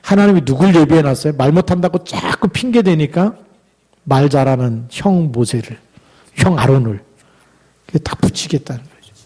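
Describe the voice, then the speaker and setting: Korean pastor preaching with fervor. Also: male voice, fairly high pitch, animated, darkish tone, breathy edge. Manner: exhorting, with rhetorical questions to the congregation; reads scripture aloud with slow emphasis. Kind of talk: sermon.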